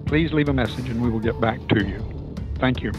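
A man's voice: mid-range voice, a little fast. Man's polite answering-machine greeting over the phone. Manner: polite, formal recorded greeting. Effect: heard over a landline phone. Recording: distant phone line with music.

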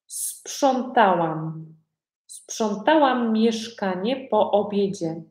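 Woman teaching a lesson, talks super slow and repeats every question, roomy echo. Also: medium pitch, darkish tone. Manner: asks learners many simple repeated questions. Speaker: Polish language teacher. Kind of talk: slow repetitive language lesson. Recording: echoey room.

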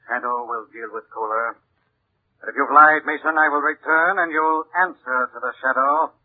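An actor playing a menacing invisible avenger in sinister, accusing, theatrical 1940s radio style. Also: male voice, mid-range voice, moderate pace, natural voice. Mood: threatening. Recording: muffled, narrow-band 1940s radio recording.

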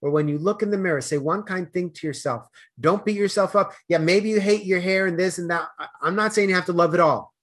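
A middle-aged Boston man with a Boston accent speaks earnestly as a guest in a casual interview, getting loud when he's animated. His voice is high-pitched and fairly quick, with few pauses.

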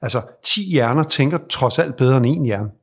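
A man's voice: mid-range voice, animated, breathy edge. A man working as a leadership advisor, explaining at length in a reflective, conversational way with frequent restarts. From Denmark. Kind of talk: conversational advice in interview.

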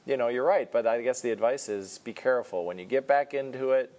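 A man's voice: medium pitch, brisk, darkish tone. A man in his forties co-hosting a podcast, chatting casually and reading out listener emails. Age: 40s. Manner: easygoing, reads listener emails aloud. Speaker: podcast co-host. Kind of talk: casual chat.

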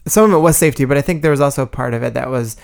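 Gravelly-voiced man telling a story. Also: mid-range voice, racing, a little mellow. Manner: easygoing, storytelling. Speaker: podcast co-host. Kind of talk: casual podcast chat.

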